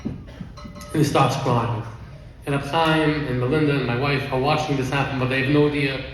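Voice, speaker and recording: A man's voice: mid-range voice, fairly even intonation, slight background noise. Echoey middle-aged man telling an emotional story. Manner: heartfelt, rushed storytelling sprinkled with Yiddish phrases. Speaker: event speaker. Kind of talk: emotional personal storytelling speech. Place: large event hall. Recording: echoey hall, mic far off.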